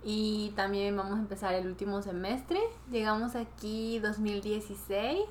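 A woman's voice: mid-range voice, fairly even intonation, moderate pace, a little hiss or hum. A young woman from Venezuela talks as a guest. Her voice sits in an ordinary middle range. She speaks steadily and matter-of-factly. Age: young adult. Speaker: guest, student. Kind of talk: casual chat.

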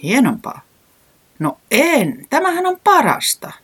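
A storybook reader voicing a cheerful, contented forest creature in a bright, easily delighted, raised voice with a slightly husky tone. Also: high voice, wildly swooping pitch, voice pushed up, full character voice. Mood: joyful. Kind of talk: children's storybook reading.

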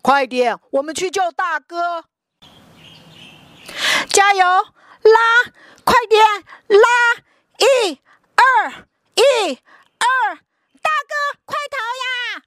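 Woman voicing excitable, high-pitched little froglets. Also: a little slow, dry recording, heavily acted. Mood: urgent. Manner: exclamatory, childlike. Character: excitable young froglet brothers, childlike and loyal. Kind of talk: storybook reading to young children.

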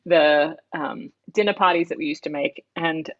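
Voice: mid-range voice, moderate pace, a bit bright. An Australian-accented host in casual chat, reminiscing fondly and teasing a friend with many restarts. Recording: dull lo-fi recording.

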